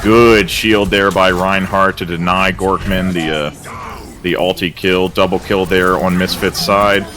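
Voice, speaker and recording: A man doing excitable play-by-play commentary for an esports match, with casual filler words. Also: sits low, music in the background. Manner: excitable, gets louder and faster in big plays. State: out of breath. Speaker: esports caster.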